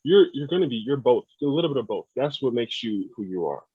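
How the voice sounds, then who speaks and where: A man's voice: mid-range voice, animated, fast talker, husky, dry recording. Young man on a tinny phone-like line. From United States. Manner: earnest, thoughtful, repeats words while thinking. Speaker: podcast guest. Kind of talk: casual podcast conversation. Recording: dry, phone-like sound.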